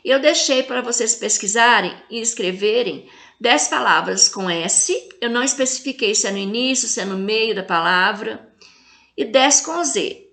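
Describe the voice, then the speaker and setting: A woman with a Brazilian accent teaches children in a recorded video lesson. Her voice sits a little high, and she stretches out each example word slowly and clearly. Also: fairly bright tone. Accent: Brazilian Portuguese. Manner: slow, drawn-out syllables when reading example words.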